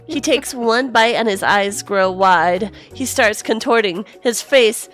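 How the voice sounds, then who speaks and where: A playful young woman streamer reading game narration aloud. Her voice sits a touch high, and she reads at an unhurried pace. Faint music plays under her. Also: fairly bright tone.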